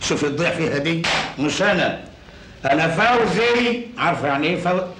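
A man as a boastful con man, Egyptian accent, quick delivery, roomy echo, light hiss. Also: fairly high pitch, close to an everyday voice. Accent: Egyptian Arabic. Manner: boastful, cocky, teasing. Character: scheming smooth-talking male con man. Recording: echoey film soundtrack with hiss.

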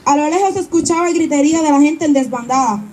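A woman's voice: sits high, fast talker, heavy background noise. A woman narrating an amateur play on an outdoor stage in a theatrical storytelling style. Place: outdoor tented stage at night.

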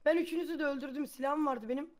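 A man's voice: extremely high pitch, fairly even intonation, very fast, a crowd in the background. A man bantering and boasting with friends while playing an online game. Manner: teasing, boastful.

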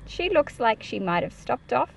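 In a slightly high voice with big pitch swings and some vocal fry, a woman reads a picture book at a moderate pace, explaining it carefully and enunciating for children as a teacher would. It's a low-quality recording.

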